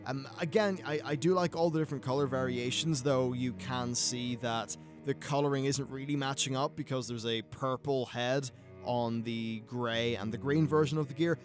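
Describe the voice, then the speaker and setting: A man's voice: mid-range voice, normal speed, over music. A man with a British accent giving casual, conversational and opinionated commentary as a gaming video host.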